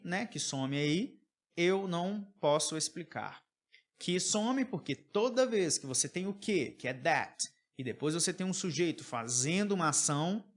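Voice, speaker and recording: A man with a Brazilian accent, speaking in a slightly higher register, works through song lyrics as an English teacher. He explains patiently and keeps checking in with short questions. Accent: Brazilian Portuguese.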